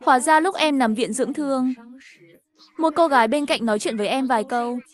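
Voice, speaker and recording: This high-pitched woman narrates her own first-person tale over animation at a slightly fast pace. She voices each character herself, keeping an even storytelling style.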